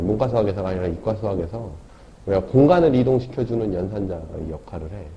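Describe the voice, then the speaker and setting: A male teacher with a low, mellow voice walks through a math lesson step by step. He keeps checking that his students are following with short tag questions. The recording sounds dull and lo-fi. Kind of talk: classroom lecture.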